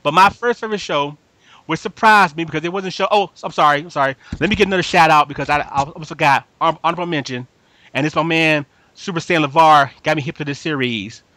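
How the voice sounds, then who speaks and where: He's a podcast host reviewing anime, speaking fast with a sharp tone at a higher-than-average pitch. In this laid-back fan chat he talks emphatically and slangily, repeating things and often checking in with listeners to be sure they follow.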